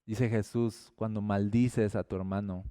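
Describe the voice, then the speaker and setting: A man giving a conversational sermon on a podcast, acting out quotes and swinging from loud to hushed. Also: on the low side, unhurried, clear, resonant tone, no echo, studio quality. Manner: lively, acts out quotes and little scenes, swings between loud and hushed. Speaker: podcast preacher.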